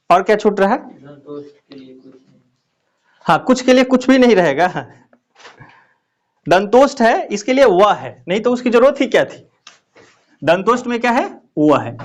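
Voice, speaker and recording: A male teacher giving a classroom lesson, often asking questions and repeating the answers. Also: high-pitched.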